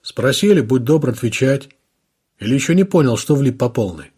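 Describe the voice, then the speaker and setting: A man's voice: mid-range voice, animated, moderate pace, darkish tone, breathy edge. A man voicing a young hungover police lieutenant who mocks and taunts, in an audiobook reading. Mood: sneering, aggressive. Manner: sneering, taunting.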